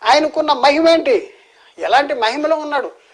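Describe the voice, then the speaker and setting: A man from India preaches in Telugu-accented speech with a high, light voice. He is earnest and keeps asking the listeners rhetorical questions, with restarts along the way. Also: lively intonation, normal speed, low-quality recording. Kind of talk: sermon.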